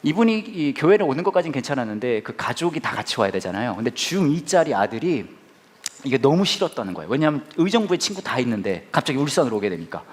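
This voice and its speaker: A man preaching a sermon as a pastor, telling a story in an animated, conversational way. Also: medium pitch, quick pace.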